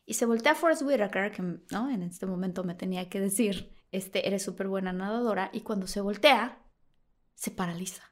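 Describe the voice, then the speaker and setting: A woman's voice: mid-range voice, normal speed. A woman with a Mexican accent, a talk show guest who tells a funny story, acting out the lines of others and laughing often. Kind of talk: animated anecdote telling.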